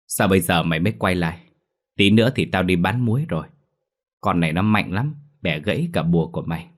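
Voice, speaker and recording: A man voicing a brash, talkative young man who complains loudly and fast, in a spoken ghost story. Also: sits low, expressive. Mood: whiny.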